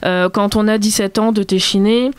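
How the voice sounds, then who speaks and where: A woman's voice: medium pitch, fairly even intonation, moderate pace, clean tone, dry recording. A young woman chatting on a radio film show, presenting her favourite films of the year with enthusiasm and some self-deprecating humour. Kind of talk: casual chat, presenting a year-end film list. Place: radio studio.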